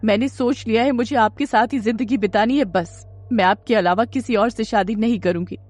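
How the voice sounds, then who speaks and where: A woman's voice: on the high side, a little fast, darkish tone, no room sound, faint music behind, pitched above the performer's own voice, natural voice. A woman voicing a tearful, pleading young woman. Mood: defiant. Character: young woman in love, emotional and defiant.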